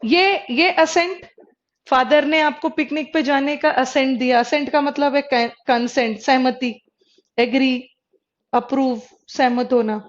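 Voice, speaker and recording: A high-pitched woman teaches English words in a live online class. She mixes Hindi and English, says each word more than once, and keeps asking her students to respond. The recording is dull and lo-fi. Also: unhurried. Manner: explains in mixed Hindi and English, repeats words, checks with students. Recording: dull lo-fi sound.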